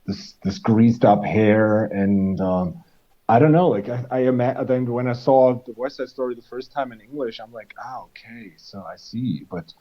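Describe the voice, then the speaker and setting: A man's voice: mid-range voice, normal speed. Guy cohosting a podcast, chatty and rambling, kinda muffled lo-fi audio. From Germany. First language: German. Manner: rambling, many restarts and fillers. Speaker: podcast co-host. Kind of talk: casual chat. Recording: dull lo-fi recording.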